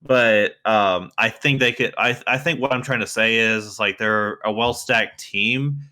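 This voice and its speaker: A man's voice: fairly low pitch, measured pace, sharp tone. A young man co-hosting a podcast, talking football hesitantly with many fillers and restarts. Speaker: podcast co-host. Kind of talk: casual sports chat.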